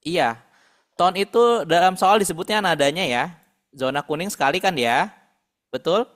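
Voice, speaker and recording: A man's voice: a little high, normal speed, a bit bright. A man tutoring a math class over a video call, patiently working through problems aloud. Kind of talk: online math lesson.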